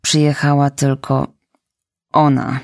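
A woman voicing a quiet, resigned older farmer who speaks slowly. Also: extremely low pitch, level tone, dry recording, clean studio sound, full character voice. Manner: slow, resigned.

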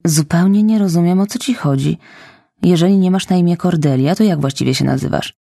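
A woman voicing a stern, practical middle-aged woman who speaks briskly and firmly. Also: lowish voice, creaky, dark tone, slightly rough, no room sound, clean studio sound. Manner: brisk, firm.

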